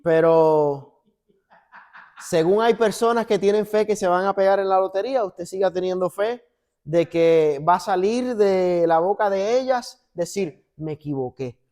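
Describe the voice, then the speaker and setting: A man's voice: sits high, measured pace. A man, a pastor, preaching in a church and acting out dialogue as he tells stories. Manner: animated storytelling, acts out dialogue. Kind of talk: sermon with church banter. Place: church sanctuary.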